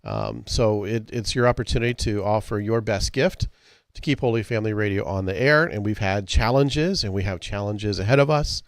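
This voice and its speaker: A man who is a deacon, hosting a radio fundraiser from a studio, with a gravelly morning voice, clearing his throat and joking about his own mistakes. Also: on the low side, moderate pace, few pauses, no room sound. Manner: casual, self-deprecating, stops to clear his throat. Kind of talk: radio fundraising talk and prayer.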